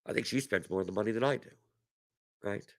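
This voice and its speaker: A man with a lowish voice talks fast while hosting a fantasy sports strategy stream, chatting casually and answering questions from chat. A cough is costing him his voice, and he often repeats words as he restarts his thoughts.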